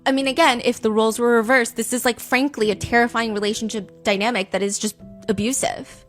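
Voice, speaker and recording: Animated woman host, rather high voice. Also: brisk, faint music behind. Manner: animated, indignant storytelling, many "like" fillers; reads out text messages aloud. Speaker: true crime podcast host. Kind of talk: casual true crime chat.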